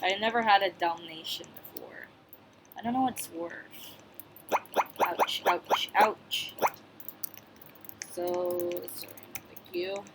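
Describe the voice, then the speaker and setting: Rambling woman gaming host, noisy recording. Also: mid-range voice. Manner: rambling and hesitant, many fillers and restarts; chatty, talks straight to viewers. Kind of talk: casual gameplay commentary. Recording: clear background noise with clicks.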